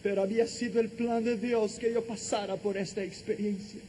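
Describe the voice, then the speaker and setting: A man preaching a testimony in an impassioned way, building up to shouted declarations. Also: high voice, level tone, normal speed, a little hiss or hum. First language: Portuguese. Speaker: evangelist. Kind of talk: testimony sermon.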